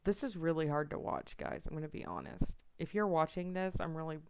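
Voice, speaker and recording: Low, gravelly woman narrating. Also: fairly quick, darkish tone, a little hiss or hum. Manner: apologetic, self-deprecating, chatty. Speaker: planner vlogger. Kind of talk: casual voiceover narration. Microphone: voiceover mic.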